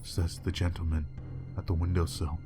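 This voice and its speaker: A man reading a horror story aloud in a measured, grim way. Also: sits low, level tone, dark tone, soft background music. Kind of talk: scripted horror narration.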